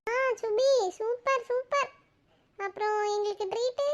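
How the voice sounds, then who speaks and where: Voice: very high-pitched, steady tone, unhurried, muffled recording. A voice actor playing a nosy, teasing village aunt in a cartoon who quizzes a boy about his marks. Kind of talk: cartoon voice acting.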